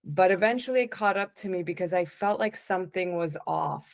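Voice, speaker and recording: A woman coach telling her life story as a podcast guest, in a relaxed, conversational way with frequent restarts. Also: fairly low pitch, a little fast, creaky. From born in the United States, raised in Italy and Canada. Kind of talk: casual interview chat.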